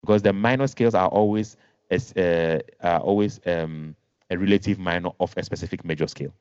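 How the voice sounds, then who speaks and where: A man's voice: sits low, brisk, darkish tone, clear, resonant tone, no room sound. A man teaching a music lesson online, patient, repeating and rephrasing, counting notes aloud. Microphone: video call. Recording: dull lo-fi video call audio.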